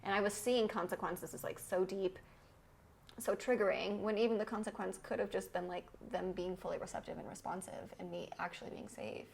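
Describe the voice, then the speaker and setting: A woman's voice: medium pitch, fairly even intonation, brisk, creaky, a little mellow, a little hiss or hum, low-quality recording. A woman hosting a podcast, talking candidly and acting out her own inner voice in a casual conversation. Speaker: podcast host.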